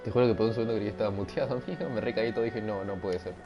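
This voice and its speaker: The audio is dull and there's music in the background as a young male streamer speaks at a medium pitch in rapid-fire bursts. With a Rioplatense Spanish accent and a headset mic, he rambles through casual gaming chat, joking with viewers and laughing at himself.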